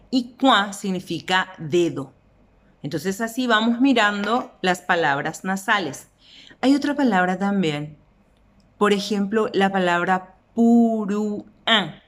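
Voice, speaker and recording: Slow, deliberate Paraguayan teacher woman. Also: medium pitch, fairly bright tone. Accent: Paraguayan Spanish. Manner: slow, deliberate, stretches out example words. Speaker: language teacher. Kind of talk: explanatory lesson.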